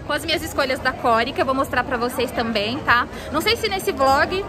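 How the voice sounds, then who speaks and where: A woman, speaking through a face mask, chatting excitedly to her viewers while walking through a shopping mall. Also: high voice, fairly quick, noisy background. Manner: bubbly and gushing, keeps addressing viewers. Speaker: fashion vlogger. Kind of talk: casual vlog chat to viewers. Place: indoors in a busy shopping mall. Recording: loud mall crowd and music behind.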